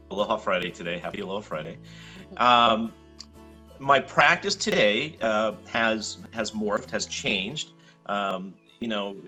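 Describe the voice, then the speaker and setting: Laid-back middle-aged guy from hawaii, bright voice, rambles with lots of ums, faint music behind. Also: mid-range voice, rough recording. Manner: easygoing, rambling with many fillers. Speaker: chiropractor guest. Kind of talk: casual interview chat.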